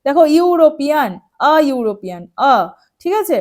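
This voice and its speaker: A woman's voice: high voice, very animated, moderate pace, darkish tone. A woman teacher explaining an English grammar lesson to schoolchildren, patient and repetitive, checking in with them often. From West Bengal, India.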